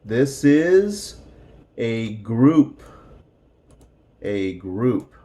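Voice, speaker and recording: A man teaching a slow, deliberate English lesson, repeating words clearly for learners. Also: medium pitch, very animated, warm tone.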